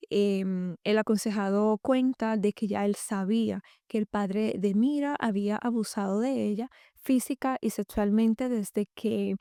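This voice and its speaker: A woman with a soft, mellow voice hosts a faith podcast for women. She reads a passage from a book and then reflects on it in a calm, measured way. The recording is dry and close, with no room echo. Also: medium pitch, clean tone. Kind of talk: reading aloud from a book and commenting.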